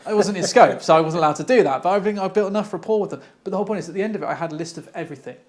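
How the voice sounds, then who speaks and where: A man talks through stories from his security work. He speaks fast and keeps it lively, in a fairly high voice, and often breaks into laughter. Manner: animated, laughing storyteller. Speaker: cyber security director. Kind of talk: casual discussion.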